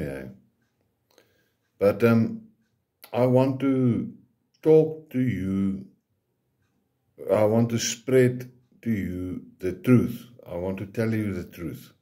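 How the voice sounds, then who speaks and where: Speaking English with an Afrikaans accent, a South African man whose first language is Afrikaans delivers a casual, hesitant sermon. His voice sits on the low side and sounds mellow, and he habitually ends phrases with a questioning tag.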